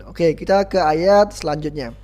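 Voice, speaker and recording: A patient Quran recitation teacher talks at an unhurried, measured pace, explaining each sound carefully. Verses are modeled in a drawn-out chant, then repeated for the class to copy. The voice sits at a middling pitch with a relaxed classroom manner. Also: soft background music. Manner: calls self 'Ana' and students 'antum', Arabic-flavored classroom talk. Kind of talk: tajwid lesson with call-and-repeat practice.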